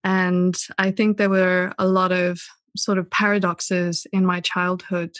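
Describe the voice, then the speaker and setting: A woman from Southern Africa, a poet and author, answering interview questions in a thoughtful, gentle way. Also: lowish voice, flat delivery, a little slow, no echo. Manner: thoughtful, gentle, with many "sort of" hedges. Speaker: podcast guest, poet and author.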